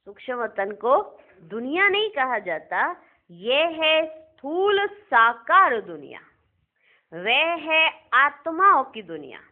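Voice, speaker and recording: A woman giving a devotional sermon, asking her listeners rhetorical questions and repeating key phrases. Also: sits high. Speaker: spiritual discourse reader. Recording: narrow phone-like audio.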